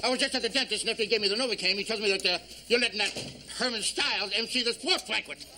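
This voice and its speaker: A man's voice: high-pitched, big pitch swings, quick pace, sharp tone, full character voice. An actor playing a blustery small-town booster club president who slurs his words because his mouth is numb from Novocaine. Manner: slurred, numb-mouthed speech. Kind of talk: sitcom acting. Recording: sitcom recording with background noise.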